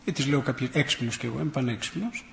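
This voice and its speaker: A man's voice: mid-range voice, animated, gravelly, fairly bright tone, reverberant, slight background noise. A priest giving a sermon. He builds emphatic rhetorical lists and mixes in folksy personal anecdotes with self-irony.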